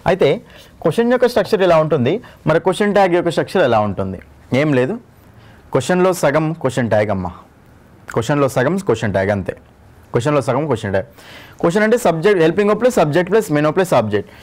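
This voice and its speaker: Man, Telugu accent, exam-prep grammar teacher, quick delivery, repeats rules. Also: fairly high pitch, sing-song, darkish tone. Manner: repeats each rule and asks the class to confirm. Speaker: English teacher.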